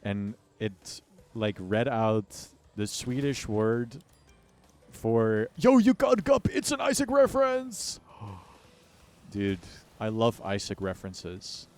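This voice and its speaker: Slow and darkish in tone, this American man's fairly low voice swings widely in pitch as he chats on a game livestream. Music sits behind him while he jokes in slang and grumbles in mock exaggeration.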